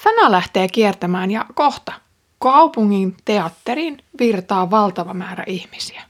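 A woman reading a Bible passage aloud and then explaining it, in a calm, measured manner. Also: medium pitch. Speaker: Bible reader and teacher. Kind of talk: scripture reading with commentary.

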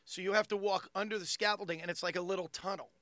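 Male comedian, thick Long Island accent, high bright voice, telling stories casually in a halting, repetitive way. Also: fairly even intonation, no echo. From Long Island, New York. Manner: halting, repeats phrases, acts out dialogue. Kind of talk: casual comic storytelling among friends.

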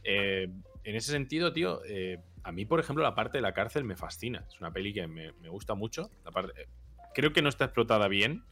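A man chatting casually about films as a co-host, animated and quick to act out quotes. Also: on the low side. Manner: animated, acts out quotes with loud outbursts and laughs. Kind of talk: casual film chat.

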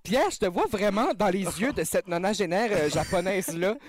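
A man's voice: high-pitched, animated, moderate pace, slight background noise. A man co-hosting a show, teasing and hesitant in casual chat. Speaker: radio co-host.

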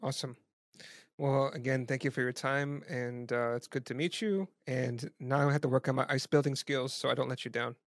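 Brief: male podcast host, quick and gravelly, trips over repeated words, dry close sound. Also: medium pitch, fairly even intonation, no echo. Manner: self-deprecating, stammers on repeated words. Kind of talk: casual interview chat.

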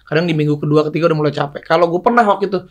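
A man chatting casually as a podcast guest, quick and joking. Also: fairly high pitch, highs cut off.

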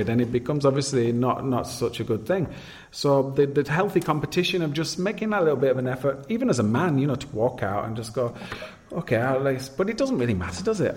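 A man musing in a casual chat, halting and repeating words as he searches for phrasing. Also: medium pitch, darkish tone.

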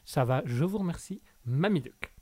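Guy hosting a goofy radio show, highish voice, teasing, dead dry close mic. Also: expressive, moderate pace, darkish tone, no room sound. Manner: teasing, playfully bossy. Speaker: radio call-in show host. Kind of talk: comic live radio banter.

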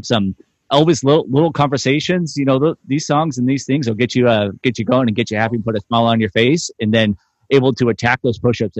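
A man's voice: medium pitch, no echo. Emphatic man giving advice, dry sound. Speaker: podcast co-host. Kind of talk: casual podcast chat.

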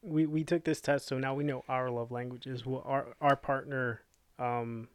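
A man's voice: medium pitch, steady tone, normal speed, smooth. A young man in casual podcast chat, hesitant and thoughtful, often restarting words.

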